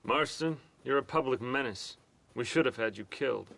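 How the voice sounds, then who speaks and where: A man's voice: medium pitch, moderate pace, creaky, a bit bright. An actor playing a hard, accusing lawman in a video game, speaking in a stern, blunt way.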